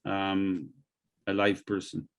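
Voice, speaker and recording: A man's voice: low-pitched, steady tone. Guy hosting a health podcast, casual chat, keeps restarting his sentences, stumbles on words. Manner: halting, repeats words often. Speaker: podcast host and natural health business owner.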